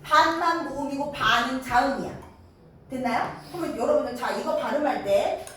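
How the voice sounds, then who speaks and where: A woman teaching a middle school grammar lesson, lively and coaxing, checking in with her students again and again. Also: sits high, normal speed, a little hiss or hum. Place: classroom. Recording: echoey classroom, mic far off.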